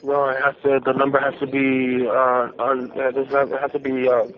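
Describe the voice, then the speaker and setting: A man calling from a jail payphone, chatting in a halting way that repeats itself, his voice muffled and distant on the line. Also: mid-range voice, monotone, a crowd in the background. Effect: calling over a jail payphone line. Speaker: jail inmate calling home. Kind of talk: casual phone chat.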